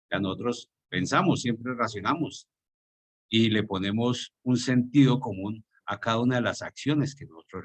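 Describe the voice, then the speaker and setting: A man's voice: on the low side, breathy edge. A man with a Colombian Spanish accent, teaching an online class over a video call, explaining and quizzing his students.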